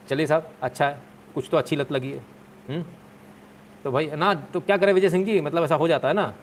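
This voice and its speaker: A man's voice: fairly high pitch, normal speed, pauses often, slight background noise. A man hosting a live stream, chatting casually with viewers in a joking, sarcastic way.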